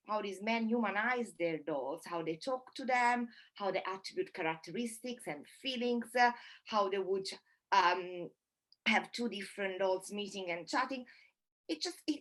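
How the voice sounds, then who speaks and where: A woman moderating an online panel discussion over a video call, speaking thoughtfully and haltingly with many fillers. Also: medium pitch, a bit bright.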